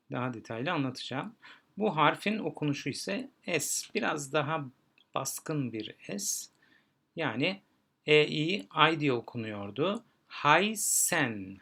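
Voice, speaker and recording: A male teacher patiently explaining pronunciation rules to learners, spelling out letters and repeating example words slowly. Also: a little high, gravelly, a bit bright. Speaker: German teacher.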